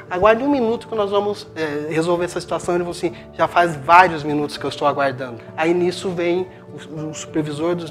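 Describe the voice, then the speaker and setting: A man with a Brazilian Portuguese accent, a pastor telling a story in a sermon and acting out the voices of the people in it. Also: a little high.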